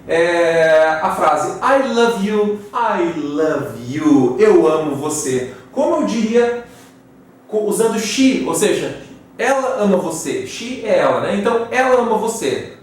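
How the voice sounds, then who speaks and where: Brazilian guy teaching english grammar, kinda high voice, sounds far off in a super echoey room. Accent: Brazilian Portuguese. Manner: slow, careful English example sentences; frequent "tá?" and "né?" check-ins. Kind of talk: classroom grammar lesson.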